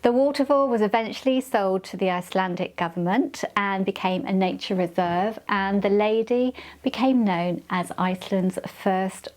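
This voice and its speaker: Middle-aged woman vlogger, chatty and enthusiastic, mid-pitched voice, casual to camera. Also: moderate pace, few pauses, a little mellow. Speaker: travel vlogger. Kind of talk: casual travel talk to camera.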